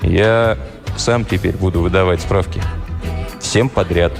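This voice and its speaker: A man's voice: low voice, fairly even intonation, a little slow, vocal fry, music in the background. A man doing a blunt, cheeky young fellow.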